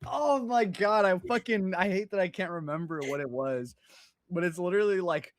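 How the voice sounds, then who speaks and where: A young man co-hosting a podcast, laid-back in casual chat, swearing freely and tossing in quick reactions. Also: high-pitched, no room sound. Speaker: podcast co-host.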